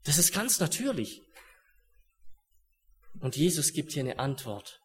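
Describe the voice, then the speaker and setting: A man's voice: on the high side, sing-song, unhurried. Earnest man preaching a sermon. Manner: earnest, swings from hushed solemn to raised urgent.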